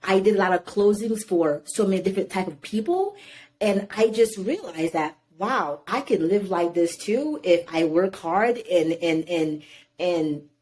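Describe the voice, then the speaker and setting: This guest, a woman in her thirties who was born in Haiti, speaks in a lowish, unhurried voice. In a casual interview she tells stories with animation, filling her speech with many a "you know."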